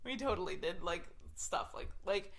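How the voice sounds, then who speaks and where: A woman's voice: lowish voice, expressive, normal speed, creaky, a bit bright. Chatty young woman telling a story. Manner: chatty storytelling, heavy use of "like" fillers. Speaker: podcast host. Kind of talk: casual chat.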